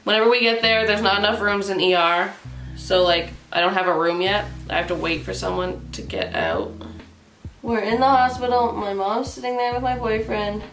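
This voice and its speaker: A woman's voice: mid-range voice, normal speed. A young woman telling a story in a casual vlog, laughing often and saying "like" a lot, putting on voices for the people in the story. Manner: giggly, laughs through the story, heavy use of "like"; acts out other people's lines in animated voices. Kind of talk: casual storytime while getting ready. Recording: echoey room with faint music.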